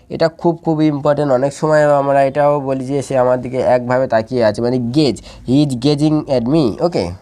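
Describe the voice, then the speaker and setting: A man's voice: mid-range voice, dark tone. A man teaching English vocabulary, spelling words out letter by letter and repeating their meanings patiently. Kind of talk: spelling and pronunciation lesson.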